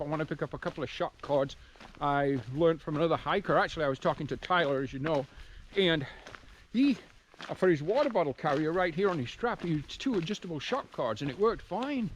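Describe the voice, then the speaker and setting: A man's voice: on the high side, expressive, a little fast, low-quality recording. A man talking casually to viewers as he walks outdoors, musing and often interrupting himself in a rambling way. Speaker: hiking vlogger. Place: outdoors, walking on a rural trail and country road. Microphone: handheld camera. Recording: outdoor background noise. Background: outdoor ambience with noise.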